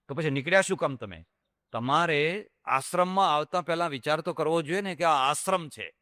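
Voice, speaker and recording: An older man leads a spiritual discourse, moving between anecdote and teaching in a storytelling manner. He repeats phrases to drive his point home, and his voice sits fairly high. The sound is dry and close, with little room in it. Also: sharp tone, clean tone, no room sound. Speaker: swami giving a religious discourse.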